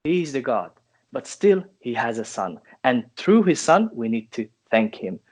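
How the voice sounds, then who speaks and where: A man in his twenties from Finland, a guest answering interview questions in a thoughtful, halting way with restarts. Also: mid-range voice, sing-song, darkish tone. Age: 20s.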